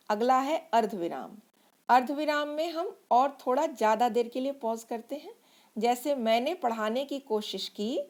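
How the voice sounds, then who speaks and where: A woman teacher giving a patient grammar lesson to children, explaining slowly and reading example sentences aloud. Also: fairly high pitch, creaky, darkish tone.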